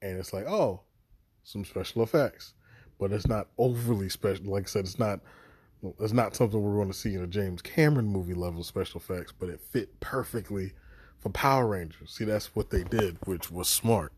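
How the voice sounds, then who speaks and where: A man talking through a show review on his podcast in a loose, rambling, profane way, with sudden excited bursts. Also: fairly low pitch, normal speed, slightly rough, no echo. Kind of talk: casual spoken review.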